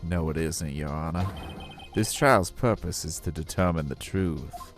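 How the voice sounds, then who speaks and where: A man's voice: rumbling low, faint music behind. Phoenix Wright, a man playing a firm young defense lawyer. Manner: firm, deliberate courtroom delivery. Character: earnest young male defense lawyer, determined. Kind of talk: fan voice-over of a game.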